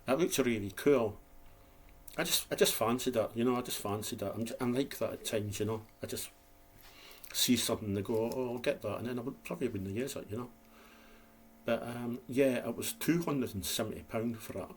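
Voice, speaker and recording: A man's voice: medium pitch, brisk, slight background noise. A Scottish man vlogging in a casual, rambling, self-deprecating chat to camera, with a slight lisp. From Scotland.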